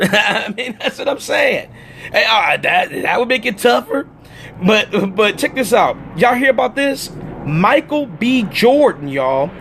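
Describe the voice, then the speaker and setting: Animated high-voiced man streaming live. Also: slight background noise. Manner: animated, emphatic, talks to viewers directly. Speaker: livestream host. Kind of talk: casual political livestream chat.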